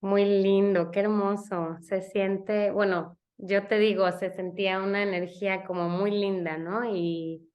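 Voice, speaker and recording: A woman's voice: medium pitch, little pitch movement, a little slow, hardly any pauses, dull audio. Reflective woman podcast host. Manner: warmly reflective, frequent "no?" tags, restarts. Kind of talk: casual interview chat.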